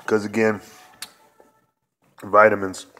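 Low, monotone, and slow, this middle-aged man's voice carries a casual home cooking video. He rambles folksily through every step with lots of filler words, at an indoor kitchen counter where pots, pans, and cans clatter loudly.

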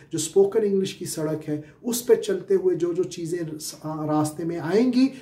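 Pakistani guy giving an english lesson, kinda high mellow voice, says uh a lot, echoey room. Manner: explains step by step, with many filler "uh"s and repeated rhetorical questions. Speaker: spoken English teacher. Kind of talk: classroom-style lecture.

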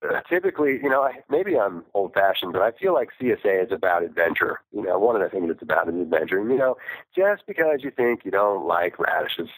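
Male farmer guest on a flip phone call, dry husky line, animated rambling delivery. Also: low-pitched, fast, no echo. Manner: rambling, self-correcting, laughs often. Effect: talking over a flip phone call. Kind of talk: casual interview chat.

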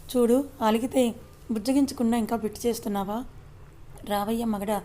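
A woman's voice: a little high, steady tone, brisk, mellow, natural voice. A woman storyteller voicing a sulky, playfully complaining young wife in an audio story. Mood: sulky complaint. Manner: pouting, complaining.

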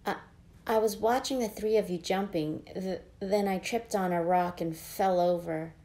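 A woman voicing a young boy frog who loves to jump, shy at first and then bursting with excitement. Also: a little high, unhurried, pitched above the performer's own voice, lightly acted. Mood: flustered.

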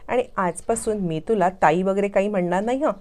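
A woman's voice: medium pitch, brisk, darkish tone, lightly acted. A woman voicing a caring young man who speaks earnestly and reassuringly to his sister-in-law.

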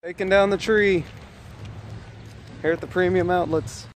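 A young adult man with a high, steady voice talks a little slowly, vlogging casually into a phone held at arm's length. He moves through rooms at home, a car and outdoors, and the handheld recording has clear background noise.

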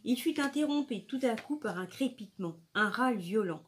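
A woman's voice: fairly high pitch, animated, moderate pace, a little hiss or hum. Woman reading a novel aloud. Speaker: audiobook reader.

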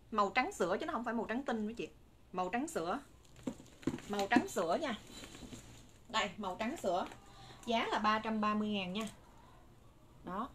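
This live-stream seller, a woman in her thirties with a Southern Vietnamese accent, has a slightly high, fairly bright voice. She pitches to viewers persuasively and repetitively from a room with curtains and bagged goods. A phone a short distance away captures her, and the recording is noisy.

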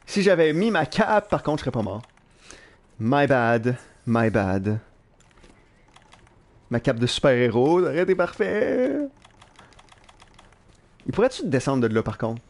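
Animated Quebec French man streaming. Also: medium pitch, a little slow, pauses often. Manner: animated, self-mocking, swears casually. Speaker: live streamer. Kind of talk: live gameplay commentary. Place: at work.

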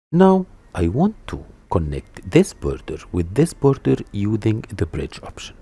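Low, husky-toned male tutor, lively rises and falls, talking calmly through each step at the desktop mic. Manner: step-by-step, methodical, with restarts and a stumble over a word. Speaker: 3D modeling tutor. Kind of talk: screen-recorded software tutorial.

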